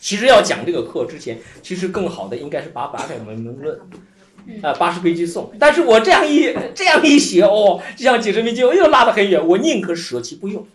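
A lively Buddhist scripture teacher, voice swinging up and down at a middling pitch. The talk runs as a loose explanatory lecture, full of repeated phrases and easy chuckles. The voice sits in a roomy, echoing space. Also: quick pace. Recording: roomy echo.

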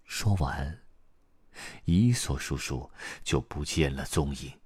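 A man narrating a children's storybook in an expressive way. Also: rumbling low, breathy edge, no echo, clean studio sound. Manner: slow, expressive reading.

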